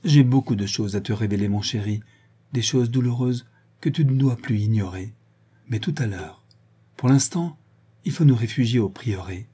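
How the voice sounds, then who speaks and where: A man's voice: on the low side, dark tone, breathy edge. A man reading a novel aloud as an audiobook, narrating and giving the dialogue in one plain voice. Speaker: audiobook reader.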